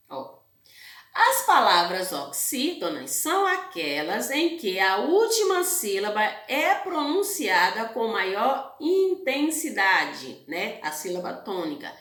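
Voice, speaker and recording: A female teacher with a Brazilian Portuguese accent walks young pupils through a lesson, her voice a little high and moving lively up and down. She asks questions and answers them herself, patient and steady. The sound bounces around an echoey room. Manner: patient explaining, rhetorical questions, frequent "né?". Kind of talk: online class lesson.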